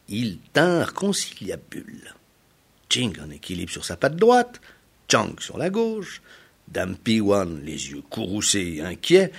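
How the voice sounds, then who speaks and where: A man reading a children's fable aloud in slow, expressive storybook narration. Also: lowish voice, creaky, breathy edge.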